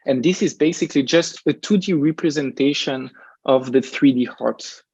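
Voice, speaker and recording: A man's voice: medium pitch, normal speed, darkish tone, slightly rough, no echo, highs cut off. A man with a French accent presenting his research at a conference, hesitant with many fillers and repeated words.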